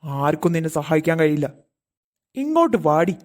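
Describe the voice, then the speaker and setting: An actor voicing a possessive, cruel adult male abductor in a cartoon. He speaks, coaxing and threatening in a slow, insistent way. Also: medium pitch, very animated, lightly acted. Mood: menacing. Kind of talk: cartoon voice acting. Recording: music playing faintly underneath.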